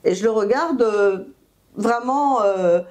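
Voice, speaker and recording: A woman's voice: medium pitch, slow, darkish tone. A woman giving self-help advice, explaining steps didactically and often checking in with listeners, with hesitant fillers between phrases. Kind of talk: advice talk to camera.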